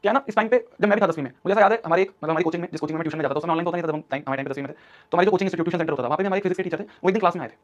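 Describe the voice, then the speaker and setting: Fast, urgent young male teacher. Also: on the high side. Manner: urgent, scolding, repetitive. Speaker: online teacher. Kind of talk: motivational class talk. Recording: dull lo-fi stream audio.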